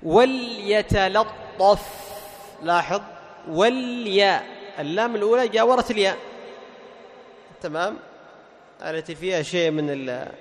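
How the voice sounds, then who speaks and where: A high-pitched man leads a tajweed lesson as the teacher. He poses quick questions and answers them himself, then slows down to recite each example carefully. His voice rings out with long reverb from a hall.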